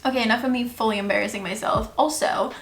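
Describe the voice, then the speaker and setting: A woman's voice: on the high side, steady tone, roomy sound. A young American woman talking casually to camera about her struggles with learning French, chatty and self-mocking. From United States. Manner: chatty, self-mocking, quick bursts of talk.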